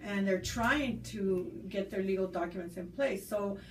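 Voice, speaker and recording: In a conversational interview, an American-born school staff member speaks at a measured pace in a mid-range voice. Her answers are earnest and considered, dotted with fillers and restarts. The recording is roomy, with a distant mic and faint background noise.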